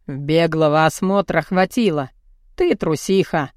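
A woman's voice: sits low, measured pace, no room sound, studio quality, voice pushed down. A woman voicing a crude, cocky young muscleman who taunts and speaks bluntly in an audiobook. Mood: mocking. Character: crude cocky muscular young man, mocking and pushy. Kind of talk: audiobook character voice.

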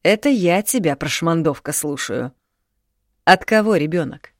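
A woman reading the lines of a coarse, domineering young man in an audiobook, curt and loud. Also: sits low, expressive, measured pace, dry recording, studio quality. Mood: angry, contemptuous.

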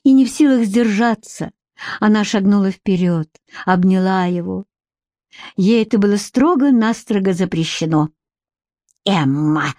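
A woman narrating an audiobook in an even, measured storytelling manner. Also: medium pitch, no echo, studio quality.

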